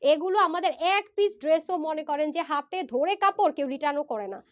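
A woman from Bangladesh, hoarse from a fever, giving a persuasive live sales pitch on a phone stream and mixing in English words. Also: lively intonation, brisk. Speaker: online clothing seller. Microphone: phone livestream.

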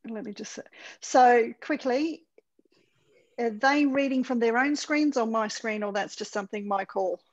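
A woman's voice: on the high side, a little slow. A woman who is a visiting English teacher, greeting students in a friendly online class over a video call. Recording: dull lo-fi video call audio.

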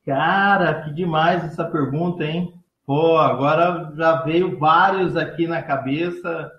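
A man, a teacher of entrepreneurship, answering interview questions in relaxed talk with many fillers and trailing phrase ends. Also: a little high, takes it slowly, echoey room, dull audio. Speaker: entrepreneurship teacher and speaker, guest.

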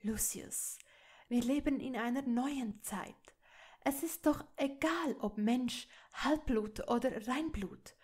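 Female reader as a gentle pleading noble mother in an audiobook, slow and a bit high. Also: breathy edge, heavily acted. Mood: earnest. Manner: soft, earnest, pleading. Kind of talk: audiobook reading of fan fiction.

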